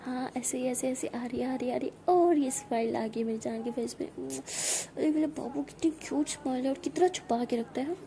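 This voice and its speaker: A woman voicing a tender, protective young woman in whispered role-play, hushing and coaxing. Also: sits high, moderate pace, creaky, few pauses. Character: soothing protective young woman, doting lover. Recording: noisy recording.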